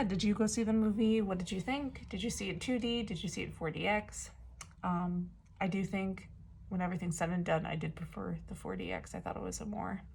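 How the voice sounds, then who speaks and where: A woman talks straight to her viewers in a loose, rambling vlog style and keeps dropping "um" and "like". Her voice has a gravelly fry with a husky edge. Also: mid-range voice, darkish tone. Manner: chatty, rambling, many fillers and "like". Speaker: vlogger. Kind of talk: casual vlog storytelling.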